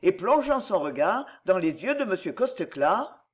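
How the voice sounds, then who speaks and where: A man narrating a classic novel as an audiobook, in an expressive storytelling manner. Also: high-pitched, moderate pace.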